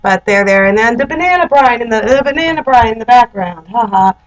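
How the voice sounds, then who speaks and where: A woman's voice: fairly high pitch, lively intonation, a little fast, low-quality recording. Chatty, sarcastic young woman vlogger. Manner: chatty and sarcastic, heavy use of "like". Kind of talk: casual TV recap and advice. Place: indoors, sitting on a chair.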